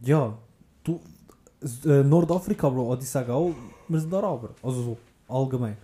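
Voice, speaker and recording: A young man chatting casually as a podcast co-host, telling stories in animated, slangy talk. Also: medium pitch, normal speed. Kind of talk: casual chat.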